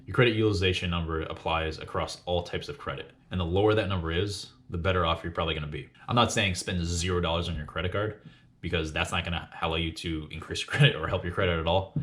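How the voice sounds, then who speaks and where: Hosting a personal finance video, a twentysomething man with a low-pitched, somewhat bright voice explains tips to his viewers one by one. His delivery is casual and instructive, with plenty of emphasis.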